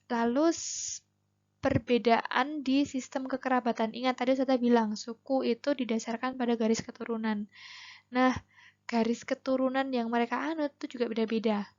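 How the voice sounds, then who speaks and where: A woman teacher with a Javanese accent and a fairly high voice talks her pupils through a lesson, patient and chatty. She asks them questions as she goes. The recording sounds dull and lo-fi. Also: fairly even intonation, moderate pace, a little mellow. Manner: explains patiently, addresses students directly with questions. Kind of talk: classroom lesson video.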